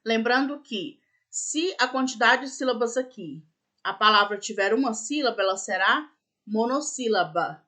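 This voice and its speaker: Bright-voiced teacher spelling words slowly. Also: female voice, on the high side. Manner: patient, spells words out letter by letter; checks in with "né?" and "tá bom?". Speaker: primary school teacher. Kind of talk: recorded remote class explanation.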